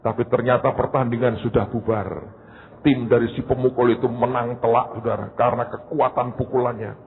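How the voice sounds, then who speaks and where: A male pastor tells a sermon story in an animated way, often turning to his listeners. His voice sits in a middle register. The recording is narrow and tinny, like a phone line. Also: mid-range voice, fairly quick. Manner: animated, addresses listeners as "saudara".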